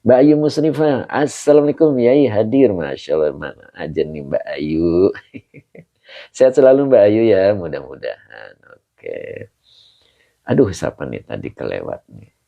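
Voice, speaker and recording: Low gravelly-voiced male preacher. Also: sing-song, measured pace, muffled recording. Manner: reads viewers' comments aloud and answers with prayers and chuckles. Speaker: Islamic preacher hosting a live study stream. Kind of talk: casual live-stream greetings to viewers.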